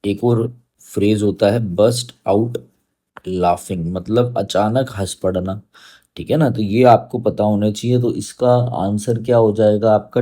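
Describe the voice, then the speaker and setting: A man with an Indian English accent teaching vocabulary for competitive exams at a slow, unhurried pace, in a mellow, relaxed voice. He switches between Hindi and English, repeats each phrase and spells out difficult words letter by letter. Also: fairly low pitch. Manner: mixes Hindi and English, checks in with "theek hai". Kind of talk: exam-prep vocabulary lesson.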